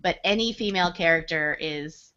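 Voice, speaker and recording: A woman leads a casual book club conversation, blunt and opinionated, with casual swearing. Her voice sits a little low, and the recording sounds dull and lo-fi. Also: moderate pace, bright, forceful tone, smooth. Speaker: podcast co-host leading the book discussion.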